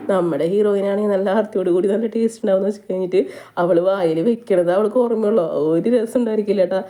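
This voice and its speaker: A woman, casually retelling a drama plot in rapid chatty storytelling. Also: mid-range voice, warm tone. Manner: rapid chatty retelling, frequent tag "ട്ടോ". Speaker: movie recap narrator.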